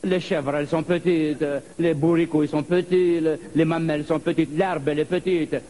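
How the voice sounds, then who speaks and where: A man's voice: a little high, moderate pace. Algeria-born man doing stand-up. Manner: lively storytelling with put-on voices. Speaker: stand-up comedian. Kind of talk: stand-up comedy monologue.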